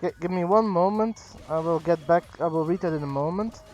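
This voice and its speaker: A man with a slightly high voice talks casually through a game livestream. He is informal and thinks aloud as he hosts. The sound is a bit dull and lo-fi, with music playing behind him. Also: fairly quick, darkish tone. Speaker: livestream host.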